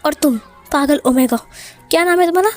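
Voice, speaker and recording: A woman's voice: high-pitched, a little fast, faint music behind, lightly acted. Woman voicing a snapping young mafia boss. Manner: snapping, threatening, bossy. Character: angry young male mafia boss, short-tempered.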